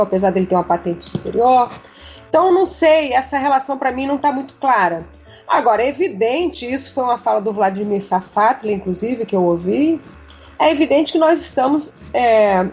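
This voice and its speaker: A woman's voice: a little high, a little mellow. A woman professor answering interview questions on a podcast, thoughtful and hesitant, often restarting her sentences. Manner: hesitant, many restarts and fillers. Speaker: philosophy professor, guest. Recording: dull, lo-fi audio with faint music.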